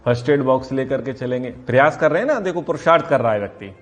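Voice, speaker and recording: A man teaching a class on Vedic philosophy, asking questions and answering them himself, and stretching key terms slowly for emphasis. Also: mid-range voice, animated, soft background music. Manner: asks and answers his own questions. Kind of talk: classroom lecture.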